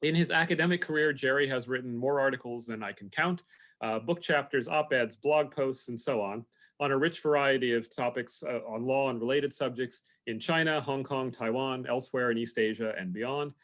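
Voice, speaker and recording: Male, mid-pitched, measured speaker intro with frequent fillers, video call audio. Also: fairly bright tone. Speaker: lecture introducer.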